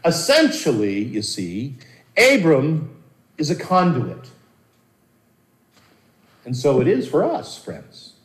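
A man preaching a sermon as a pastor, earnest and animated, with dramatic pauses and repeated words. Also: a little high. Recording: roomy echo.

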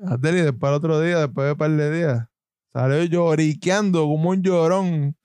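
A Puerto Rican man with a somewhat high voice banters and mocks in loose, joking chat. The sound is dry and close, with no room around it. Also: fairly even intonation, moderate pace, darkish tone, clear, resonant tone, no room sound. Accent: Puerto Rican Spanish. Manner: joking, mocking, laughs often. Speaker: podcast co-host. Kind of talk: casual banter.

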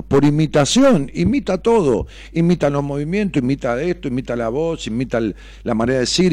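An Argentine-accented man talking on his radio show, a therapist by trade. His pitch swings widely as he pushes question after question at the listener, swearing as he goes. The sound is dry and close, with no room echo. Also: darkish tone. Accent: Argentine Spanish. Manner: heated, rhetorical questioning, swears freely. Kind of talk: radio talk monologue.

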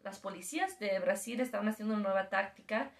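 A woman's voice: medium pitch, fast. A woman casually telling a story as a podcast guest, laughing as she talks. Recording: echoey room.

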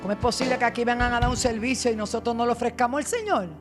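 A woman preaching a sermon as a guest preacher, retelling scripture dramatically and dropping to low asides. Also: racing, music in the background.

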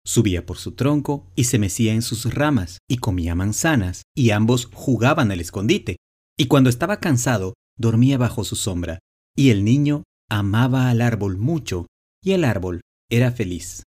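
A man reads a children's story aloud at an easy, measured pace. His voice sits in an ordinary middle register and stays calm throughout. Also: mid-range voice.

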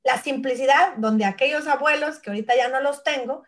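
A woman's voice: high voice, brisk. A woman in her forties from Mexico, a nutritionist guest telling family stories in casual conversation and acting out relatives' voices. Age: 40s. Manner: animated storyteller who acts out family voices. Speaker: guest, nutritionist and brand founder.

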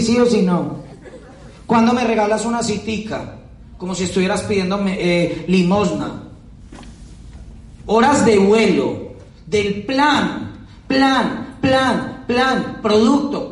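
Man, high voice, motivational speech, emphatic, repetitive, rhetorical questions, echoey hall, distant mic. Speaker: motivational speaker at a business event.

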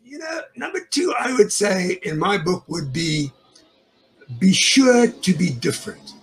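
A man's voice: sits high, sing-song, a little slow, fairly bright tone, poor audio. A man as an interview guest, telling sales stories in a chatty way, chuckling often and doubling up words as he starts sentences. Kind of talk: conversational interview.

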